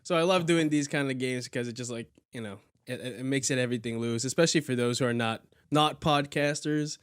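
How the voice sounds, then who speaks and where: A man's voice: mid-range voice, clean tone, no echo, studio quality. A man hosting a podcast, upbeat and encouraging toward his guest. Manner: upbeat, encouraging, quick to laugh along. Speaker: podcast host. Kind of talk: casual chat.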